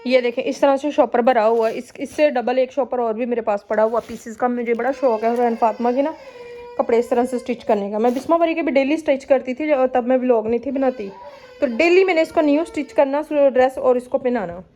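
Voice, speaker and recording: A woman's voice: a little high, fairly quick, mellow. A woman from Pakistan chatting casually to her viewers in a home vlog, showing her cooking and sewing and talking to her children. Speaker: family vlogger. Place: home kitchen and rooms.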